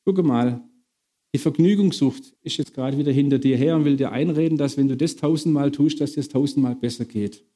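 Man, middle-aged, preacher, sermon, lively, asks the crowd questions, warm tone. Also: medium pitch, fast talker, hardly any pauses.

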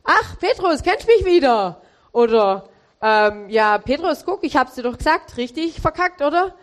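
A woman preacher voicing Jesus as a gently teasing grown man, playful and mock-scolding. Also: sits high, very animated, normal speed, voice pushed up.

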